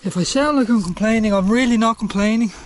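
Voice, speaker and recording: A man's voice: high-pitched, fast talker, a little hiss or hum. Breathless middle-aged Irish man climbing. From Ireland. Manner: breathless, sighing, wry understatement. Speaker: adventure vlogger. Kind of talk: casual vlog commentary while climbing. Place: outdoors on a steep, rainy mountainside. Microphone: action camera held close or clipped on.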